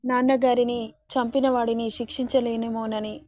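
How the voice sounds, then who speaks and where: A woman's voice: fairly high pitch, flat delivery, normal speed, darkish tone, close to an everyday voice. A woman voicing a grieving young woman, tearful. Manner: tearful, pleading lament. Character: grieving young woman mourning her father. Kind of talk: dramatic story reading.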